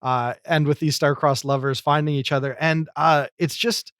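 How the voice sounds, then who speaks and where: A man hosting a comedy podcast, talking in a thoughtful, measured way. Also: fairly high pitch, fairly even intonation, a bit bright, clear, resonant tone, dry recording, studio quality. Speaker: podcast host. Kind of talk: casual chat.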